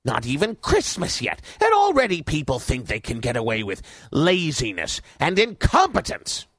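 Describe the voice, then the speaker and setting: Man playing Scrooge, high-pitched, wildly swooping miserly boss. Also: wildly swooping pitch, normal speed, no echo, full character voice. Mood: scornful, irritated. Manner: haughty, sharp, scolding, fussy. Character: miserly, bullying male radio station boss. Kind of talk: audio drama acting.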